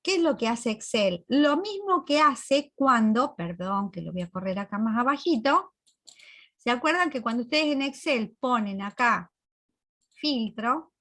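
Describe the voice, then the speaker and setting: Woman, computing teacher, recorded online class, fairly high voice, step-by-step explaining. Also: lively intonation, unhurried, fairly bright tone. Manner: explains step by step, checks in with students.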